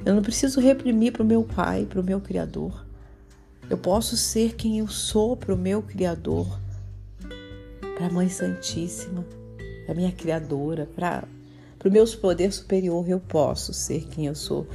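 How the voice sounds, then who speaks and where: Middle-aged woman, spiritual guide, low mellow voice, gentle and personal, faint guitar behind. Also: measured pace, creaky. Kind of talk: guided spiritual talk and meditation. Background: soft guitar music.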